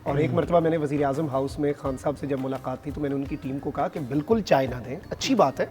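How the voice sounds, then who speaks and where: Man, talk show host, chatty, anecdotal, higher pitch, faint music behind. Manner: friendly, chatty questioner who tells light anecdotes. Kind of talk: casual interview chat.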